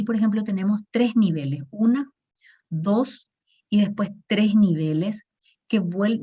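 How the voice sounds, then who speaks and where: A woman's voice: medium pitch, dark tone, highs cut off. A woman teaching an online management class, explaining patiently and checking in with frequent tag questions.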